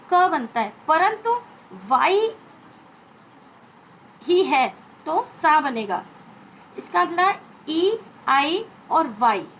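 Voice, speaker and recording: A woman's voice: very high voice, fairly bright tone, a little hiss or hum, rough recording. An Indian woman teacher giving a phonics lesson to children, spelling out letters and repeating each sound.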